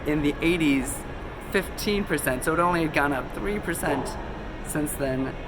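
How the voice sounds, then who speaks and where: Recorded on a phone camera against a noisy backdrop, a man hosts a conspiracy video in a fairly high voice at normal speed. His casual, rambling delivery is peppered with ums and self-corrections, and he sounds a bit sick, his voice giving out.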